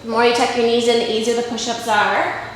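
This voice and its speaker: A woman's voice: a little high, level tone, fairly quick. A woman fitness instructor, slightly out of breath, coaching and encouraging while she does push-ups and other exercises. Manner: talking while doing push-ups and lunges, with effort. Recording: very echoey room, faint background noise.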